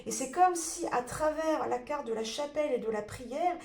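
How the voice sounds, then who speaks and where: A woman's voice: high voice, expressive, normal speed, darkish tone. Stuffy-nosed woman reading tarot, roomy sound. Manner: searching, many fillers and restarts. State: stuffy nose from a cold. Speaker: tarot card reader. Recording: roomy echo.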